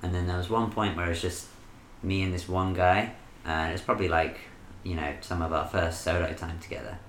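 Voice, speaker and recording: A man's voice: low voice, fairly even intonation, brisk, a bit bright, echoey room, slight background noise. A young man telling a story in casual podcast chat, in a dry, laid-back way. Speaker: podcast co-host.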